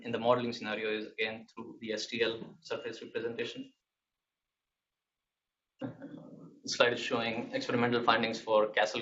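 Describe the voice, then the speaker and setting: A young man giving a technical thesis presentation, halting and hesitant, often restarting his words. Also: medium pitch. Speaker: PhD candidate presenting a thesis defense. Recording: muffled, distant mic with background noise.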